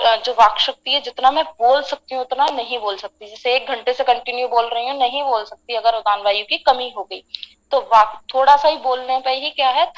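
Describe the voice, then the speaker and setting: A woman with a fairly high voice lectures to an online class. She moves through the material one term at a time, often posing a question and then answering it herself. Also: rough recording. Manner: explanatory, asks and answers own questions. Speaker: ayurveda lecturer.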